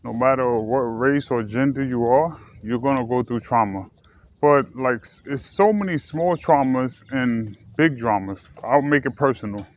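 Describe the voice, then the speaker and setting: A man from the United States talking casually and earnestly to his viewers, rambling and correcting himself as he goes. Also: medium pitch. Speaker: vlogger. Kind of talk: casual personal talk to camera. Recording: slightly dull lo-fi recording with faint ambient noise.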